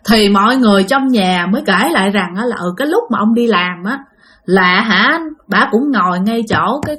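A woman storyteller with a Southern Vietnamese accent, her voice sitting fairly high. She narrates a ghost story in a chatty, conversational way and keeps speaking directly to her listeners. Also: a bit bright.

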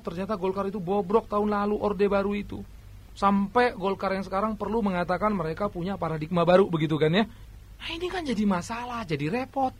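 A male preacher delivers a sermon in a very high, bright, piercing voice. He preaches emphatically, rising to forceful exhortation and then dropping into quieter asides. He speaks to his listeners directly as brothers and sisters.

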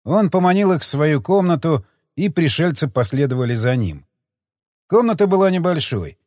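An expressive male audiobook narrator with a lively, animated pitch and a middle-range voice. The recording is dry and close, with no room sound. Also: normal speed, dry recording. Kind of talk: scripted narration.

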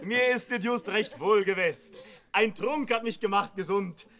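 A wealthy man at his banquet, haunted by dread of his own death. He declaims rhyming lines in a very high, bright, tense voice. The delivery is broad and theatrical, in the manner of a 1950s stage play. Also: unhurried. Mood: jovial. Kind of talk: 1950s stage verse drama on radio.

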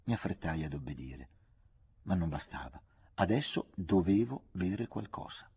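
A man reading a literary novel aloud as an audiobook, with measured, expressive narration. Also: low voice, breathy edge. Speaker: audiobook reader.

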